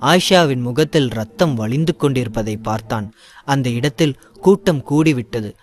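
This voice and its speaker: A man giving scripted narration of a dramatic audio story in a steady storytelling voice. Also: medium pitch, moderate pace.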